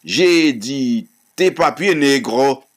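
A man's voice: mid-range voice, a little slow, natural voice. A man voicing a contemptuous police officer who barks orders and mocks, in a read-aloud story. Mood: harsh. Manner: mocking, barking orders.

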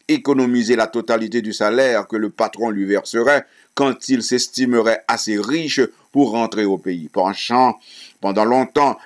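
A man reading a novel aloud, stumbling and restarting words now and then. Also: medium pitch. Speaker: reader.

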